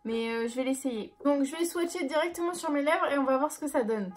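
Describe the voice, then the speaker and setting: Soft music plays behind a young woman whose voice sits high and moves fairly quickly. A beauty vlogger in her young adult years, she casually talks through a haul and review, poking fun at herself and hesitating with lots of fillers.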